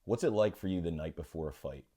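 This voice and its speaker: A man's voice: sits low, expressive, fast, dark tone. A male interviewer asking direct, concise questions.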